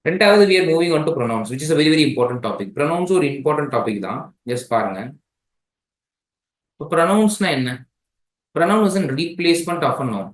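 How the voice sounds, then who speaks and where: A man's voice: a little high, a bit bright. Tamil-accented man teaching grammar in an echoey room. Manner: mixes languages, checks in with "right?". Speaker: exam prep teacher. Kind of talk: classroom grammar lesson.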